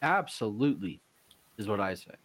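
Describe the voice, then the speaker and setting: A man's voice: fairly low pitch, big pitch swings, normal speed, fairly bright tone, no echo. A man playing a tabletop game, joking and playful. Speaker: player. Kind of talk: casual tabletop game play.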